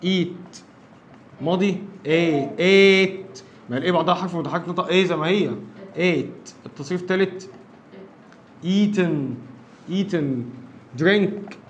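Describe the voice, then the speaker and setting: A man's voice: sits high, moderate pace, lo-fi sound, a little hiss or hum. A man with an Egyptian Arabic accent teaching an English grammar lesson, explaining step by step and often checking that his listeners follow.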